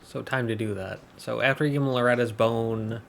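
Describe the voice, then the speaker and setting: A gameplay commentator plays through a game with chatty, joking asides, talking fairly quickly. His mid-range voice is gravelly and steady in tone, with a slight hiss or hum in the recording.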